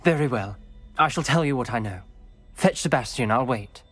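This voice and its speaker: An actor playing a reserved, cautious young wizard student in video game dialogue. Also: male voice, mid-range voice, animated, close to an everyday voice. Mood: guarded. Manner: measured, cautious, solemn. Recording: game audio with faint music.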